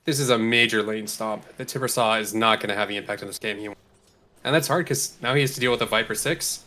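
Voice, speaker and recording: Bright, forceful man analysing a game. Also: on the low side, fast. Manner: explanatory, breaks down items and strategy. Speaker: esports commentator. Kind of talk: analytical live game commentary.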